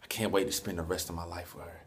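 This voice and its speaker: A man's voice: sits low, flat delivery, quick pace, slight background noise, close to an everyday voice. An actor playing a smitten man who is looking forward to marrying. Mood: tender.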